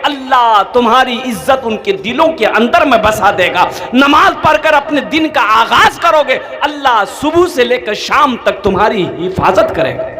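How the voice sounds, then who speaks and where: A man's voice: high-pitched, bright, forceful tone, slight background noise. A man preacher giving a storytelling sermon. He exhorts his listeners fervently and repeats his key phrases. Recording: echoey hall.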